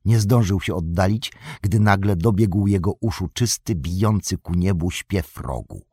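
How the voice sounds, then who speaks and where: A man narrating an audiobook in a measured, expressive reading. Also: sits low, husky, dry recording, clean studio sound. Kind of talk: scripted narration.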